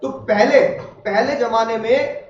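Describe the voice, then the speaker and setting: High-voiced man teaching a lively class. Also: slow, soft background music. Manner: chatty, asks the class questions and jokes. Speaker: law teacher. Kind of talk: classroom lecture. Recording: roomy, distant, dull classroom recording.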